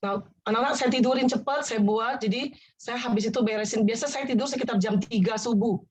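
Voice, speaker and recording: Earnest woman with a fairly high voice. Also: fast, over a noisy crowd, low-quality recording. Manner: earnest, often addresses the listener as "Pak"; rambling, repeats herself and restarts. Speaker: guest sharing her testimony. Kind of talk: heartfelt conversational testimony.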